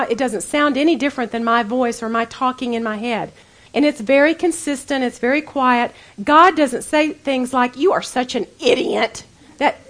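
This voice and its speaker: A middle-aged woman with a high, light voice gives a Bible teaching to a group of women. She speaks earnestly and conversationally, addressing her listeners directly as if chatting with friends.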